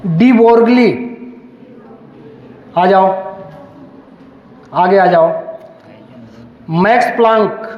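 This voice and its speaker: A man's voice: high-pitched, drawn-out words, long pauses. A man whose first language is Hindi, a police officer running an interactive school workshop who calls students up one by one with encouragement. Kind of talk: interactive classroom teaching. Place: school hall. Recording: echoey hall, dull lo-fi sound.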